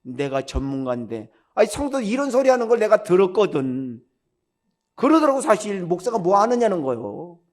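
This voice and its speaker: A man's voice: high voice, big pitch swings, moderate pace, a little mellow. An older man, a retired pastor, preaching bluntly in a conversational way and firing off rhetorical questions. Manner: blunt, direct and scolding. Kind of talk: sermon.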